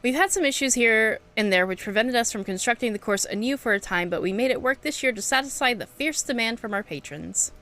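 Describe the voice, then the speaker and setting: A woman's voice: fairly high pitch, expressive, brisk, few pauses, bright, forceful tone, soft background music. A woman voicing a boastful male showman from a video game, reading his announcements aloud theatrically. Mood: showy.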